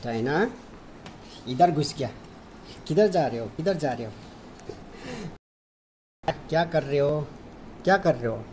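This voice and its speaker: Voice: mid-range voice, expressive, slow pace, long pauses, noisy background. A pet owner at home filming their puppy, talking to it in a fond, teasing way and repeating short questions over and over. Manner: playful, fond coaxing and teasing. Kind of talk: talking to a dog while filming.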